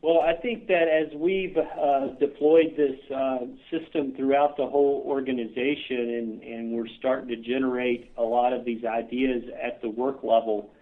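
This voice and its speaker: A man's voice: medium pitch, fairly even intonation, normal speed, hardly any pauses. A man with a Midwestern American accent, a clinic chief executive answering podcast questions earnestly, with many filler "uh"s. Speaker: clinic CEO guest. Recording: tinny phone line.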